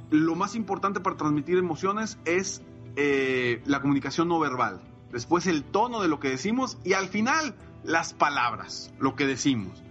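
A man talks as a coach on a podcast, eager and emphatic, dropping "eh" and "pues" as he goes. His voice sits a little high. The sound is somewhat dull and lo-fi, with faint music underneath. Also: a bit bright. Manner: enthusiastic, emphatic, frequent fillers like "eh" and "pues". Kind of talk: conversational podcast chat.

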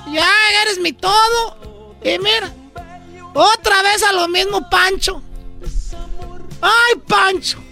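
A very high, gravelly-voiced Mexican housewife, played by a woman, nags and rants at her cheating husband. Her voice is bright and pushing. Sarcastic exasperation drives every line of this radio comedy bit. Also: heavily acted. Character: jealous scolding Mexican housewife, middle-aged. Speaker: comedy sketch performer.

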